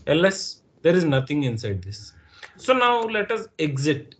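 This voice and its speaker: A man's voice: fairly high pitch, very animated, unhurried, fairly bright tone. A man with an Indian English accent teaching a live online class, patiently repeating points and checking that students understand. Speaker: instructor.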